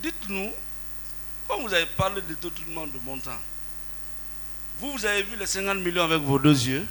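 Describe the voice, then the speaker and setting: Persistent bright-voiced male lawyer. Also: sits high, lively intonation, fairly quick, slight background noise, low-quality recording. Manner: persistent, repeats pointed questions. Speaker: lawyer cross-examining. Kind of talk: cross-examination. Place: courtroom.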